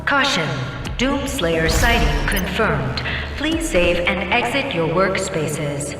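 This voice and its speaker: Calm automated announcer, over the intercom, lively pitch, distant booming hall, loud music behind. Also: female voice, slow pace. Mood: announcing. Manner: even, formal public-address delivery. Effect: over a loudspeaker intercom.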